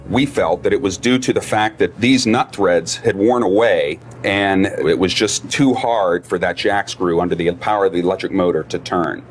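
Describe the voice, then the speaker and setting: A man's voice: sits low, normal speed. A man giving technical explanations as an expert in a documentary interview. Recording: loud music under interview. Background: loud music.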